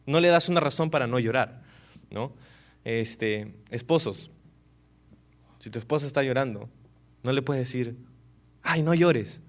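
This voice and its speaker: A man preaching a sermon, animated, often tossing rhetorical questions to his listeners. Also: medium pitch, measured pace, pauses often. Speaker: pastor.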